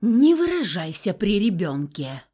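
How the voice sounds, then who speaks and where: A woman's voice: medium pitch, big pitch swings, a little slow, dark tone, husky. A woman voicing a bossy, touchy female demigoddess in an audiobook, who coaxes and then snaps. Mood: snappish. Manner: coaxing, then snappish.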